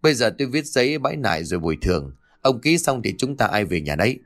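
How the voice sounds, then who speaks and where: A man's voice: medium pitch, very animated, fast talker. A man voicing a spiteful middle-aged village woman who sneers and scolds. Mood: spiteful scolding.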